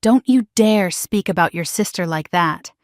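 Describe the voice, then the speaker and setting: A woman's voice: lowish voice, lively intonation, normal speed, no room sound, close to an everyday voice. Woman doing stern defensive dad, curt, bossy, dry close sound. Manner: curt, commanding. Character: defensive middle-aged father, stern.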